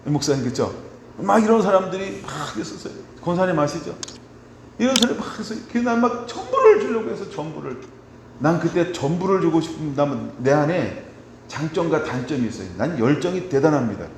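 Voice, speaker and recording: Korean pastor preaching in an echoey hall. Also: male voice, on the high side, big pitch swings, brisk. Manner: conversational preaching, frequent rhetorical "right?" checks; swings from soft confiding asides to loud emphatic declarations. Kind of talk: sermon. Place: church sanctuary. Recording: echoey church hall with faint background noise.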